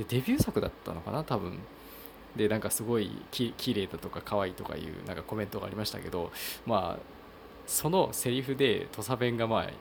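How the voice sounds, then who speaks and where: This man hosts a casual solo podcast talk, stumbling through many fillers and restarts. He comes from Kochi, Japan, and speaks with a Tosa accent in a fairly low voice with vocal fry, and a little hiss or hum can be heard.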